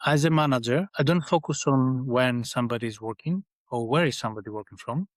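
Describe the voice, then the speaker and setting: With a mid-range voice and a slightly fast pace, this middle-aged Greek guest, who leads in engineering, talks thoughtfully in a conversational podcast interview, with plenty of restarts and no echo.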